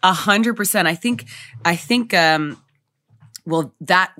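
A woman's voice: fairly low pitch, takes it slowly, bright, forceful tone, no room sound. A woman guest in a casual spiritual conversation, reflective and emphatic, often repeating her phrases. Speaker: podcast guest.

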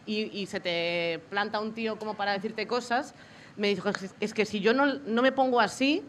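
A woman's voice: mid-range voice, normal speed, slight background noise. A young woman in casual chat, rambling with many restarts and poking fun at herself.

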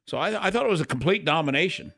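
A man with a slightly high voice gives casual football commentary as a radio co-host. He talks in emphatic, conversational bursts, often repeating his phrasing for weight. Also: expressive, fast talker, vocal fry, fairly bright tone.

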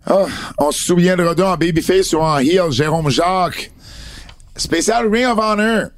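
A man's voice: high-pitched, unhurried. A man with a Quebec French accent, co-hosting a podcast in casual, joking chat. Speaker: podcast co-host.

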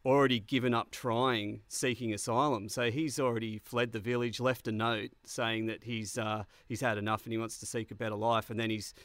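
A man's voice: mid-range voice, flat delivery, fairly bright tone, no room sound. Blokey Australian man bantering, broad accent. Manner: blokey, sweary, halting and rambling. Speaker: comedy podcast co-host. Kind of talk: casual satirical banter about sports news.

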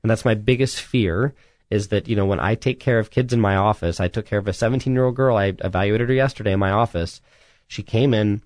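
A man's voice: on the low side, brisk, a little mellow, dry recording, studio quality. A man, a chiropractor, hosting a solo radio health talk, speaking earnestly and urgently, often restarting his sentences and adding "you know".

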